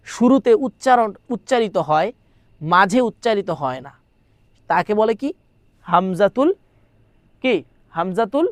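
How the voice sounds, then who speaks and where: A man's voice: high-pitched, dry recording. Guy tutoring exam grammar, reads a line then asks "what is it?" and repeats, dry close sound. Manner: reads lines aloud, translates, repeats, asks rhetorical questions. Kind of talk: recorded grammar lesson.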